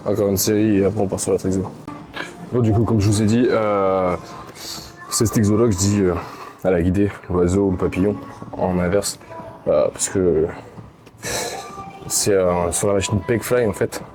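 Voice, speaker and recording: A man's voice: deep voice, fairly even intonation, normal speed, long pauses. A man with a Swiss French accent talking casually through his workout in a gym, hesitant and full of fillers, tired late at night. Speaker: gym vlogger. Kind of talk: casual workout vlog talk. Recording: gym recording with loud background music.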